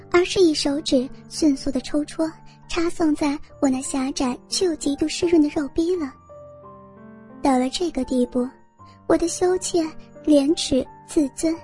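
A woman narrating a first-person story in a steady, intimate reading voice. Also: high voice.

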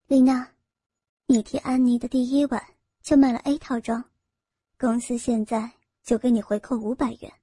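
A woman's voice: fairly high pitch, flat delivery, moderate pace, warm tone, slightly rough, no room sound, clean studio sound. A woman voicing a cold, sneering female sales manager of about forty, speaking in a mocking, scolding way.

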